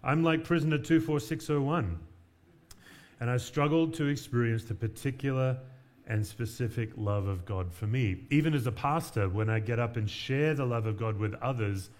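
A man from Western Australia delivers a sermon as a guest pastor, keeping it conversational with light humor and plenty of fillers. His voice is medium-pitched with a darkish tone, and he talks at a normal speed.

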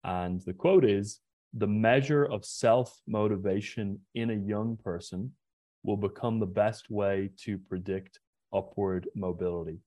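Irish man, young, podcast host, very low voice, dry close sound, earnest questions. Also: steady tone, measured pace, warm tone, no echo. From Ireland. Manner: earnest, reads prepared questions, repeats words. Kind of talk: interview.

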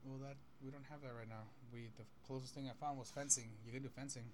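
A man's voice: medium pitch, steady tone, fast talker, background noise. A man co-hosting a casual podcast in an easygoing, playful way. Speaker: podcast co-host. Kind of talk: casual chat.

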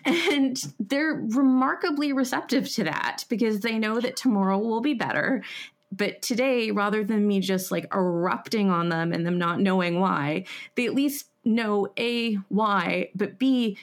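A woman podcast host talks with a guest in an unhurried, reflective way. Her voice sits in a middle range, and she shares stories from her own teaching. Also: mid-range voice. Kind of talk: conversational interview.

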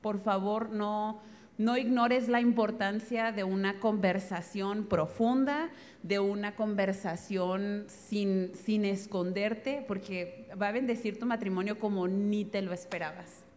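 A woman's voice: mid-range voice, measured pace. A woman with a northern Mexican accent giving a live talk on marriage, telling stories with a laugh. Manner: lively, laughing storytelling. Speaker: speaker on marriage, wife. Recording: reverberant hall, faint background noise.

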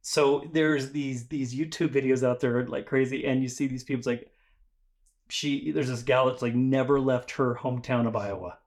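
A man's voice: mid-range voice, steady tone, normal speed, a little mellow. A man co-hosting a podcast, chatting casually in a rambling, jokey way and often stumbling over his words. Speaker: podcast co-host. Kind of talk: casual chat.

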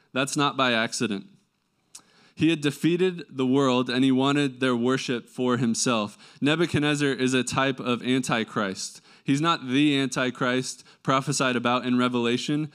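A man's voice: mid-range voice, fairly bright tone, clear, resonant tone. A man preaching a sermon in a conversational way, reading and explaining scripture and checking in with rhetorical questions, his voice nasal from a slight head cold.

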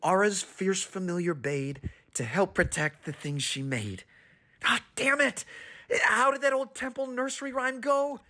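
A man voicing a frantic male familiar, chanting a rhyme in a high, sing-song voice. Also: unhurried, sharp tone.

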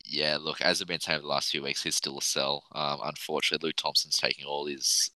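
A man's voice: a bass voice, little pitch movement, fast, bright, forceful tone, dry recording, poor audio. An Australian man hosting a sports podcast in casual, blokey, informal chat. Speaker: podcast host.

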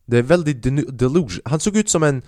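A young man telling a self-mocking story on his podcast, animated and swearing freely, dropping in English phrases. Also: mid-range voice, no room sound, clean studio sound. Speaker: podcast host. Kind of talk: casual storytelling monologue.

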